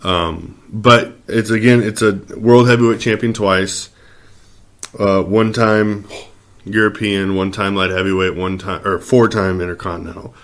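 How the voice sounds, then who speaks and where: Man, lowish voice, podcast co-host, laid-back opinionated chat. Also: steady tone, moderate pace. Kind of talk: casual wrestling talk.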